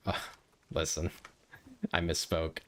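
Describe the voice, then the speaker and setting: Male streamer, low voice, loose rambling banter with viewers mid-game. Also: steady tone, takes it slowly, slight background noise. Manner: chatty, rambling, joking with viewers. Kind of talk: casual live-stream gaming chat.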